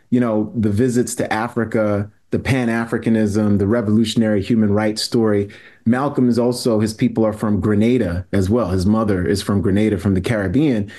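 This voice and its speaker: A man's voice: lowish voice, warm tone. A man from New York City, a guest historian on a podcast, explaining in an earnest, lecturing way with frequent restarts. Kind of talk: podcast conversation.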